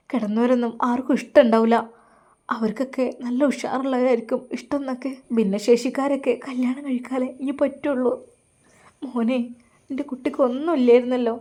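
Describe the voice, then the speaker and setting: A woman's voice: a little high, warm tone, natural voice. A woman voicing a grieving middle-aged mother who pleads tearfully with her son.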